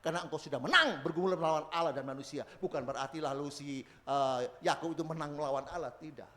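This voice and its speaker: A man preaching a sermon with a slight lilt, switching between loud proclamations and quiet asides. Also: on the high side, quick pace. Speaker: pastor. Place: church service.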